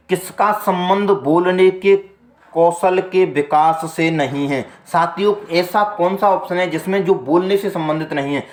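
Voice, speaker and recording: A male teacher running an exam-prep lesson, going through multiple-choice questions one by one. He keeps calling his listeners "my companions" and says each answer twice, slowly. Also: fairly high pitch, reverberant. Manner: repeats the answer twice, slow and deliberate.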